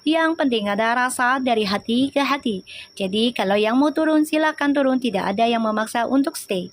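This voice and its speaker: Lady w slang doing a live tarot reading, high voice, teasing, laughs a lot. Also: animated, moderate pace, no echo. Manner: chatty and teasing, breaks into laughter often. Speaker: tarot reader on a live stream.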